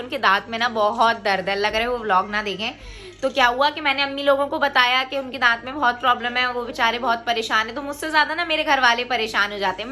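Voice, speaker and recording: A woman's voice: a little high, bright, forceful tone. A woman in her thirties chatting casually to camera as a family vlogger, talking to her viewers as guys. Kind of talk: casual vlog chat to camera.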